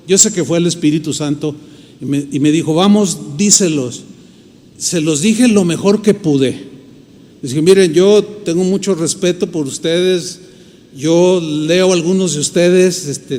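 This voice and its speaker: A man's voice: high-pitched, darkish tone. A man with a Mexican Spanish accent, a pastor telling a story in a sermon and acting out the voices of the people in it. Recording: long hall reverb.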